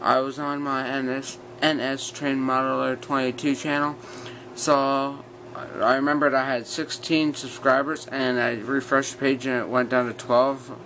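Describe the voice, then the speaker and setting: A man's voice: mid-range voice, measured pace, low-quality recording. A young man vlogging casually in a rambling, blunt way, his speech slightly slurred by wearing a retainer. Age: teens to young adult. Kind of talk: casual rant to viewers. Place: small bedroom, sitting on bed. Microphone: built-in device mic at arm's length. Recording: clear steady fan noise, bedroom ambience.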